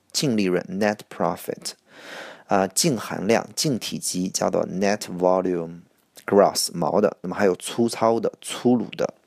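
A man teaching English vocabulary for an exam, repeating each word slowly and explaining it in Chinese. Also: low voice, vocal fry, dry recording. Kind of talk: IELTS vocabulary lesson.

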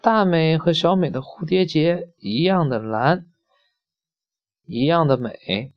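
A reader voicing a calm, fair little cat that answers evenly in a storybook reading. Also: medium pitch, takes it slowly, close to an everyday voice. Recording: dull lo-fi recording.

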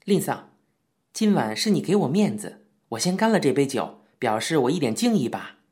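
A man voicing a cheeky, sharp-tongued young man in an audiobook reading. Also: a little high, sing-song. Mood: eager. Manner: eager, quick-witted, cheeky. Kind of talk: audiobook character voice.

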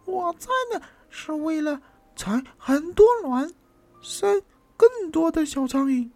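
A reader voicing a tiny fly with a thin, very high voice in a children's storybook, over backing music. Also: expressive, takes it slowly, dark tone, no room sound, exaggerated voice. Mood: smug. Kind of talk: storybook reading. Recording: music playing behind the reading.

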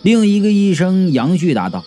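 Guy reading a funny audiobook, super swoopy lively pitch, mellow chatty voice. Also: moderate pace, soft background music. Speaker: audiobook narrator. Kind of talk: first-person comic audiobook narration.

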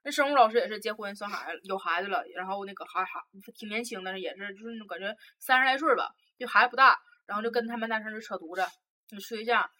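A young woman with a Northeastern Chinese accent, co-hosting a podcast and telling animated gossip about her school days. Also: medium pitch, fast talker. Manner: animated gossiping, acts out voices. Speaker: podcast co-host. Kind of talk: casual storytelling chat.

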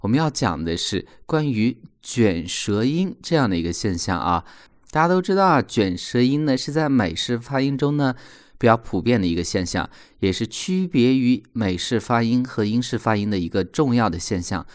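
A man teaching English pronunciation in a recorded lesson, explaining patiently and repeating example words slowly. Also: medium pitch, expressive.

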